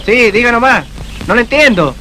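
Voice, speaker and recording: A man with a Chilean accent playing a deferential, low-ranking rural policeman in a film drama. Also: animated, moderate pace, background noise. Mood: urgent, alarmed. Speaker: police subordinate.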